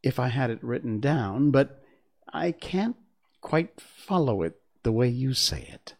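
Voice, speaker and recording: A man's voice: mid-range voice, lively intonation, a little slow, darkish tone. A man reading aloud and voicing a polite young girl who answers cautiously. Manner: polite and careful.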